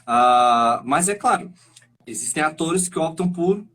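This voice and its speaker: A man who acts and teaches singing, explaining his ideas in an animated, thinking-aloud way as a guest on a live stream over a video call. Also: on the high side, unhurried. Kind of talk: casual chat.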